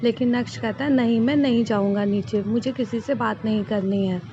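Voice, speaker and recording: A woman's voice: on the high side, steady tone, normal speed. A woman telling a TV serial's upcoming episode as a story, reading each character's lines in her own plain voice. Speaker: YouTuber recapping a TV serial. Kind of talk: casual spoken recap. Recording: dull lo-fi, noisy.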